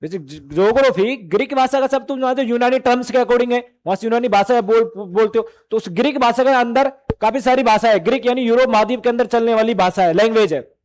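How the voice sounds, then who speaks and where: A man's voice: very high voice, a little fast, few pauses, a little mellow. A man teaching a classroom lesson to exam students, asking questions and answering them himself, calling the students beta and bhai.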